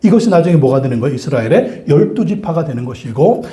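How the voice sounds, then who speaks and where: Man, pastor, sermon, repeats key phrases, raised pitch, dark mellow tone. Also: sing-song, fast, roomy sound. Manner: asks the congregation questions and answers them himself.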